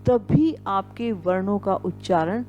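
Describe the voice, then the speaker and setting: Slow, patient woman teaching Hindi sounds. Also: medium pitch, lively intonation, darkish tone, muffled recording, faint music behind. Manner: slow, repeats each sound and word several times; frequent "ठीक है" check-ins. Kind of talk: pronunciation lesson.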